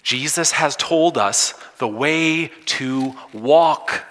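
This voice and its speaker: Male pastor, bright forceful tone, dynamic sermon delivery that swells loud then drops soft, long hall reverb. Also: on the high side, extremely slow. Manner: dynamic, swinging from loud emphasis to soft hushed lines.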